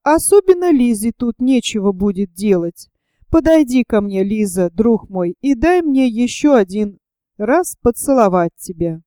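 A woman reading the part of a proud, stern aristocratic older lady who speaks in a measured, coldly formal way in an audiobook. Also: fairly high pitch, expressive, warm tone, smooth, no echo, studio quality. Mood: cold haughty.

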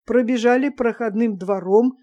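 A woman narrating an audiobook in a steady, even manner. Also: a little high, moderate pace, lo-fi sound.

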